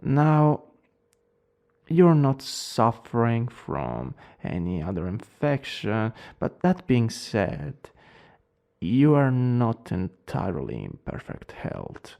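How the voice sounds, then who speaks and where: Man playing a gravelly Italian-accented plague doctor. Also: medium pitch, wildly swooping pitch, dark tone, exaggerated voice. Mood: grave, lecturing. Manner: formal, clinical, deliberate. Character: cold, eerily polite male plague doctor. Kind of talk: doctor role-play.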